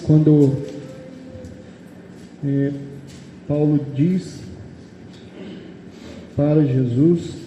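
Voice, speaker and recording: At a church meeting, a man with a Brazilian Portuguese accent preaches a sermon, reading verses aloud, explaining them and often asking the congregation "amém?". His voice is fairly high with a dark tone. The recording is from an echoey hall with long reverb and faint background noise.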